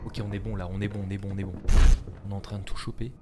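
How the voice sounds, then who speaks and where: Male streamer, low voice, casual live game commentary, noisy hiss behind. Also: flat delivery, very fast. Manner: talks to himself and thanks viewers while searching; calls out loudly at the game through the mic. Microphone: streaming microphone.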